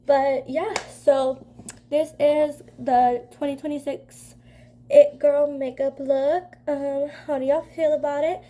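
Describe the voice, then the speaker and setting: Young woman beauty vlogger, high mellow voice, nasal from a cold, loose rambling chat. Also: slight background noise. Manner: rambling, filler-heavy, says "like" constantly. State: congested from a cold. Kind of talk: casual chatty makeup vlog.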